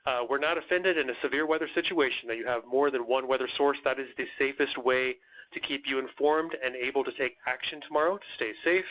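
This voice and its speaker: A man's voice: mid-range voice, quick pace. A man hosting a live weather Q&A, answering viewer comments in an earnest, slightly stammering way with plenty of fillers. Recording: tinny phone-like audio.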